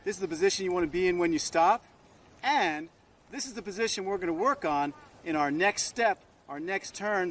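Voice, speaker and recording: A male ski instructor with a high-pitched voice gives a lesson out on the slope. He coaches in short, encouraging, informal instructions. Steady outdoor noise runs behind him.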